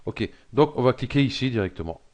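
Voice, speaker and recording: A middle-aged man with a frog in his throat, hesitantly talking through a software tutorial with many fillers. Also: mid-range voice, animated, quick pace. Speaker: tutorial presenter. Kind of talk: screen-recorded software tutorial.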